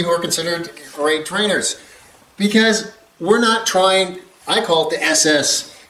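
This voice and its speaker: He has a slightly high, slightly bright voice: an older man with a long career training dogs, giving frank, wandering reactions punctuated by the odd chuckle. The recording picks up room echo and a faint hum.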